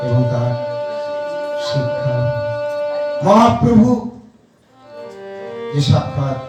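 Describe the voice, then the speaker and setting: High-voiced man preaching with cathedral echo. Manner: sing-song, chanting delivery. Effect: heavy booming echo, like a cathedral. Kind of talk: devotional sermon. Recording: echoey hall from far off, music behind.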